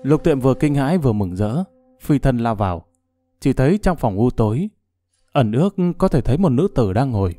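A man narrating a martial-arts novel as an audiobook, in a steady, even storytelling manner. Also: medium pitch, brisk.

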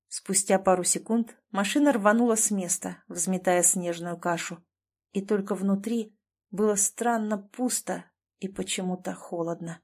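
A woman's voice: medium pitch, a little mellow. Woman reading an audiobook. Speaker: audiobook narrator. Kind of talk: scripted audiobook narration.

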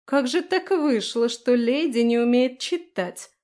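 A woman voicing a haughty, spoiled young noblewoman who talks in a sneering, shrill way. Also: animated, moderate pace, a little mellow, lightly acted. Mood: demanding.

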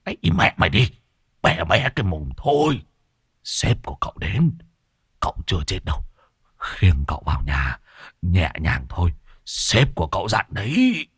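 Man as fussy old exorcist, stammering then bossy, lively pitch, lowish voice. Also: moderate pace, slightly rough, no room sound, clean studio sound, heavily acted. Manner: stammering, fussing.

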